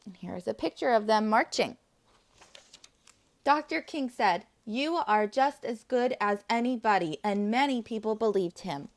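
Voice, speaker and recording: At a measured pace, an enthusiastic teacher reads a picture book to preschool children, pausing the story for asides addressed straight to her young listeners. Her voice is fairly high and very animated, with wide pitch swings all the way through.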